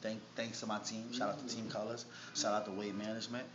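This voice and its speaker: A Harlem rapper with a New York accent is being interviewed, speaking casually and in slang at a fast clip. His voice sits on the low side with a level tone, and a crowd can be heard behind him. The room recording is noisy, muffled, and echoey.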